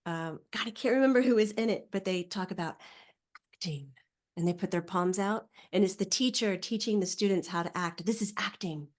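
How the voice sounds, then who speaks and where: A woman, a psychic medium guest, talking casually on a podcast and acting out quoted voices with lively swings. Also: medium pitch, a little fast. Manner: animated, acts out quoted voices.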